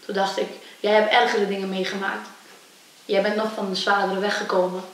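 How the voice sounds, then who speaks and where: A young adult woman, a kickboxer, tells her personal story in an interview and acts out the voices she quotes with lively energy. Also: medium pitch, brisk, distant mic. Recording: echoey room, voice from off-mic, faint hiss.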